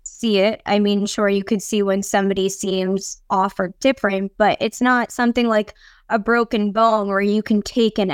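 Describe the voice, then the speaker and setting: A woman speaking as a podcast guest in casual chat, earnest and encouraging in a measured way. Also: medium pitch, clean tone, no echo.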